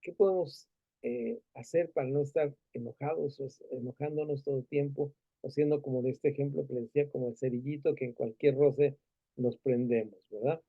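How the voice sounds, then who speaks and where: Man, Mexican Spanish accent, Bible class teacher, many fillers and tag questions, mid pitch, dull lo-fi audio. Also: fairly even intonation, brisk.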